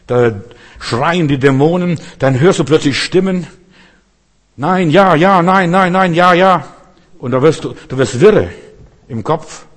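Male preacher, husky voice, impassioned sermon with sudden loud and soft swings, direct address. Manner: fervent, swings between loud outbursts and low murmurs; addresses listener directly with questions.

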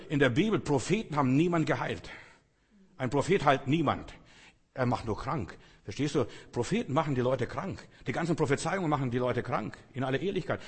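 A man's voice: on the high side, husky, big-room sound. A man preaching a sermon in a conversational way, often turning to the listener directly. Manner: conversational, addresses listener with "weißt du".

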